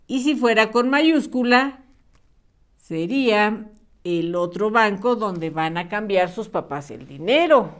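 A woman, teaching young children how to spell. Her voice is a little high and moves up and down a lot. She speaks slowly and clearly, patient and encouraging. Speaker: primary school teacher.

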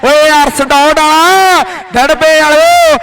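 A man with a Punjabi accent giving frantic, excited rural live sports commentary, repeating phrases over and over as a kabaddi announcer. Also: very high-pitched, slow pace, a crowd in the background.

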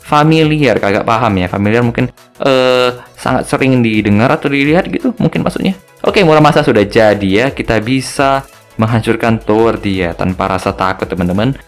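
Young man, gaming commentary, joking and chatty, very lively pitch, middle-pitched voice. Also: fairly quick, faint music behind. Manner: chatty and joking, ends phrases with tag words. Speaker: gaming video host. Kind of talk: casual gameplay commentary.

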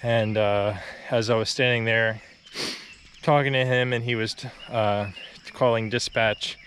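On a quiet rural road, a young man vlogs casually as he walks, his mid-range voice unhurried though slightly winded from the uphill climb. He's easygoing and talkative, with many fillers and brief laughs. Slight background noise comes through the phone or action camera he holds at arm's length.

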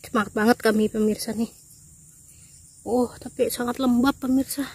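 Woman vlogger outdoors, high breathy voice, chatty and excited, talks to viewers a lot. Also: normal speed. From Indonesia. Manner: cheerful, exclaiming, addresses viewers often. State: tired voice. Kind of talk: casual narration to viewers while foraging. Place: outdoors in a palm plantation.

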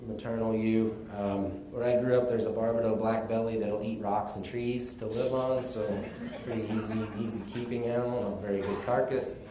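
A man from Texas gives a casual conference presentation, explaining things in a relaxed way with the odd chuckle. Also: lowish voice, normal speed, hardly any pauses, slight background noise. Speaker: conference speaker on sheep breeding. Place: conference room. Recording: echoey conference room, faint ambience.

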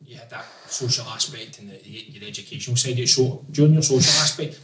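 A man's voice: mid-range voice, fast talker, fairly bright tone, a little hiss or hum. A man with a west of Scotland accent asking questions in a casual interview chat as podcast host. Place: small indoor podcast studio. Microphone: close studio microphone on a stand. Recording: roomy studio echo.

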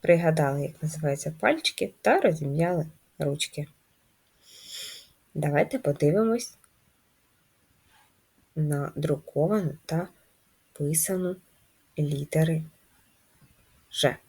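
A woman teaching a first-grade class, reading riddles and guiding letter writing in a slow, sing-song manner for young children. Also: deep voice, animated, darkish tone, breathy edge. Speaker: primary school teacher. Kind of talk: first-grade handwriting lesson.

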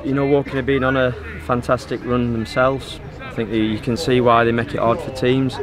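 A middle-aged man, a football manager, answering post-match questions in a measured way, full of fillers, interviewed outdoors on a pitch. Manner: measured, even and level, with frequent fillers. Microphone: handheld phone held by interviewer. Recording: outdoor pitch with crowd noise behind. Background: crowd noise.

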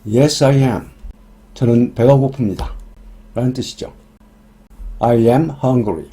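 Slow, dark-voiced Korean man teaching. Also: medium pitch. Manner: reads English example sentences very slowly and deliberately. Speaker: English teacher. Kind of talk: scripted grammar lesson.

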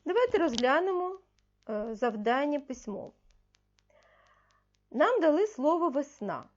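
A woman primary school teacher giving a recorded video lesson to young pupils, patiently asking questions and answering them herself, slowly stressing key words. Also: high voice, big pitch swings, highs cut off.

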